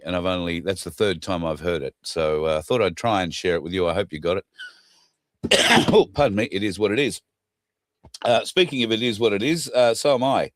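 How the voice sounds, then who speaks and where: This low-pitched, fairly bright male voice comes through with no room sound. The livestream host is wheezy, with a chesty cough as he gets over the flu, and he chats casually and ramblingly.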